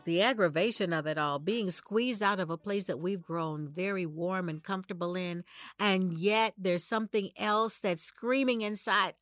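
A woman's voice: medium pitch, a bit bright, dry recording, clean studio sound. A woman hosting an inspirational ministry podcast, speaking in a conversational, preaching style with rhetorical questions and dramatic emphasis. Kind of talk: motivational sermon-like monologue.

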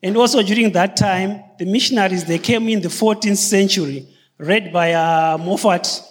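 A man's voice: high-pitched, normal speed, big-room sound. A man from Zimbabwe, around his thirties or forties, speaking earnestly to a church congregation, linking his points with "so" and "and then". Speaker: church member sharing testimony. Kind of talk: casual talk to a congregation. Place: church hall.

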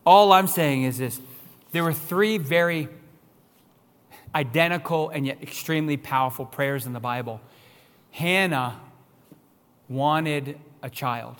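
A man's voice: a little high, a little slow, long pauses, fairly bright tone, long reverb tail. A man preaching a sermon as pastor, building to emphatic raised-voice questions. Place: church sanctuary.

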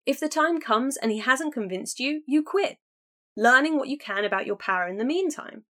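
With her voice pushed up high, a woman reading an audiobook plays an eager young woman urgently urging her sister to take a chance. She sounds expressive, bright and persuasive at a moderate pace, pleading with urgency.

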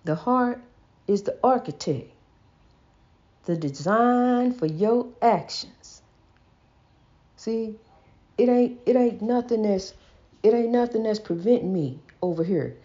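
A woman hosts a folksy, casual inspirational preaching monologue on a dull lo-fi recording, saying she stutters. Her voice is a little high and dark-toned, animated yet slow, with frequent pauses. She repeats herself and calls the listener honey.

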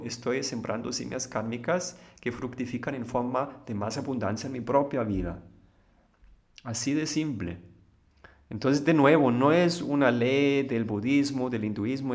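A man speaks at a medium pitch, giving a calm spiritual talk in the manner of a teacher. He explains things patiently, often posing rhetorical questions and then answering them himself.

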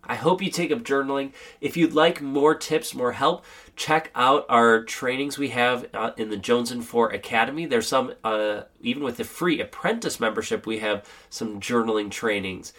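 Man, podcast host, sick voice, encouraging, unhurried, mid-pitched. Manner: encouraging, gently paced. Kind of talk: motivational solo podcast.

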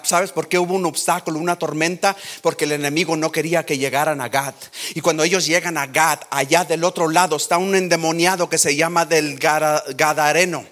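A man's voice: on the high side, fairly bright tone. A man preaching a sermon, switching between Spanish and English and acting out Bible scenes in a raised voice. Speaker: pastor. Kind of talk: bilingual sermon.

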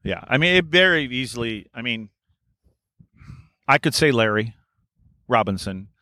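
A man's voice: mid-range voice, expressive, unhurried, pushed and bright, no echo. A man, a podcast guest telling blunt, profane stories and acting out both sides of old conversations. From Wisconsin. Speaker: podcast guest, former hockey player. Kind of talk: casual storytelling.

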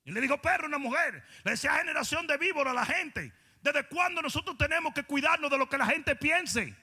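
Pastor guy preaching hard, challenging the crowd, sharp bright voice, long echo like a big hall. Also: extremely high pitch, lively intonation, brisk. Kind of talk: sermon.

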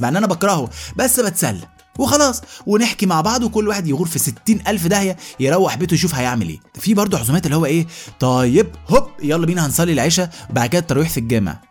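A man with an Egyptian Arabic accent delivering a comedic monologue as a podcast host, rapid and animated, often mimicking other people. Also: sits high, husky, soft background music.

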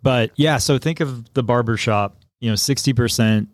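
A man's voice: mid-range voice, normal speed, no room sound, clean studio sound. A man co-hosting a podcast, explaining things in a casual, conversational way. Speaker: podcast co-host. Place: podcast studio.

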